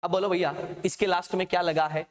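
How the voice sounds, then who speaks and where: Energetic chemistry teacher, fairly high voice. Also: male voice, fast. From India. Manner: energetic, repeats questions to quiz students. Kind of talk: classroom lecture.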